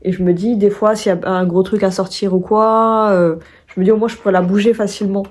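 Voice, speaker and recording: Husky young woman chatting at home. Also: medium pitch, steady tone, a little fast, a little mellow. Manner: rambling, chatty, full of restarts and fillers. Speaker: vlogger. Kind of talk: casual vlog chat. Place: at home indoors.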